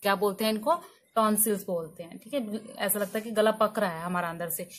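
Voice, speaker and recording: A woman's voice: mid-range voice, fairly quick. A woman teaching English vocabulary in Hindi, asking each word as a question and answering it herself.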